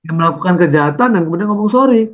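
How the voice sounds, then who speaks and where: A man's voice: high voice, animated, racing, lo-fi sound. A man preaching a conversational sermon over slides, tagging his phrases with "ya" and "gitu".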